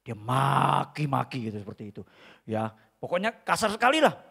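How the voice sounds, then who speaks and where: A male pastor preaching an emphatic sermon at a church service, swinging between loud bursts and quiet asides and calling out to the congregation often. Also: medium pitch, sing-song, a little fast, gravelly, breathy edge. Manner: addresses the congregation again and again as brothers and sisters.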